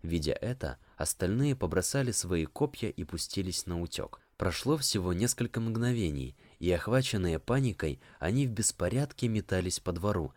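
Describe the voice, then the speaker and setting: Deep-voiced male audiobook narrator. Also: animated, darkish tone, no echo. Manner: measured, storytelling. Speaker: audiobook reader.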